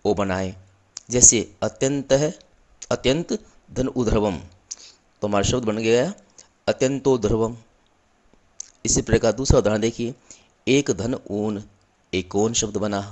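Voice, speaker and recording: A male teacher giving a slow, patient classroom grammar lesson, repeating and spelling out each example. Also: fairly low pitch, a little mellow. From India. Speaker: school teacher.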